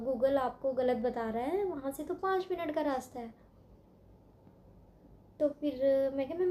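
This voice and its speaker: Brief: young woman vlogger, high mellow voice, animated storyteller, faint room hum. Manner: animated retelling, acting out both sides of a phone argument. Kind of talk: casual storytelling vlog.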